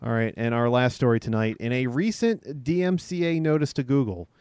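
A man's voice: medium pitch, fairly quick, darkish tone, faint music behind. A man hosting a casual podcast, reading out news stories with frequent laughs and ums. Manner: reads stories with laughs and fillers.

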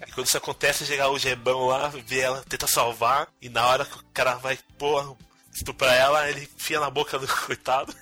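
A man, telling scenes in a quick, lively way in a casual film chat. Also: medium pitch, faint music behind.

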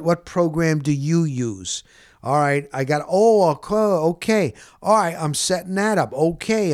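A middle-aged man with a fairly high, smooth voice hosts a sports podcast, telling stories in a casual, rambling monologue. He is informal and animated, often interrupting himself, and the studio-quality sound has no room noise.

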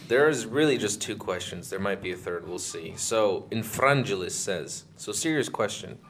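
A man's voice: on the low side, animated, moderate pace, fairly bright tone. A man in casual, slangy podcast banter, joking along as a panelist. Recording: faint background noise.

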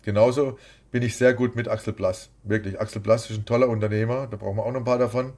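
A man's voice: fairly low pitch, steady tone, fast, darkish tone. A man who is a boxing promoter, talking bluntly and rambling as the guest in an interview. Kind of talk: casual interview.

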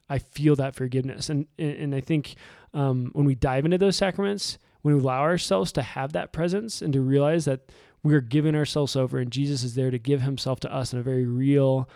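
Man co-host, reflective, mid-pitched, dry close mic. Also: creaky, no echo. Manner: reflective, warm, repeats words when starting. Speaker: podcast co-host. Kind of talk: casual faith podcast chat.

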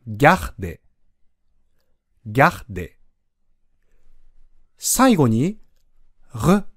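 A male language teacher walks through a pronunciation lesson at an unhurried pace. His voice sits a little high and moves a lot in pitch as he explains step by step. The sound is close and dry, with no room echo. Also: darkish tone. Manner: patient, slow step-by-step explaining with spoken demonstrations.

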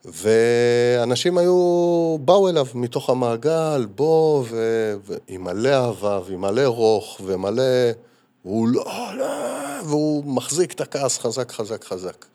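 A man's voice: medium pitch, lively intonation, warm tone. A man, hosting a podcast and telling a personal story in an earnest, reflective way. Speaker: podcast host and healer.

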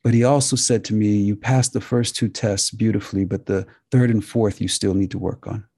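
A male host earnestly recounting a dream and the lessons he drew from it, in a measured storytelling manner. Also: on the low side, steady tone, dark tone, slightly rough. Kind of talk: spiritual talk recounting a dream.

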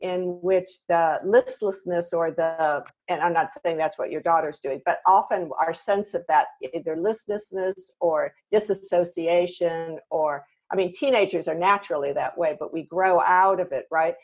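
A woman's voice: fairly low pitch, moderate pace, hardly any pauses, darkish tone. A woman hosting a casual conversation, reflective and rambling, with many fillers. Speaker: host. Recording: dull lo-fi sound.

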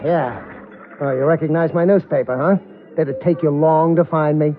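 An actor playing a lazy, sardonic beachcomber who talks in a dry, curt, mocking way, in 1930s film dialogue. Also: male voice, a little high, steady tone, moderate pace, lightly acted. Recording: tinny, hissy old film soundtrack.

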